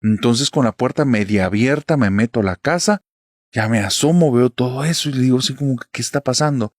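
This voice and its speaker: A man's voice: medium pitch, brisk, no echo, studio quality. A young man with a Mexican accent telling a personal story in an earnest, emphatic way. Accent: Mexican Spanish. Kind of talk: casual storytelling.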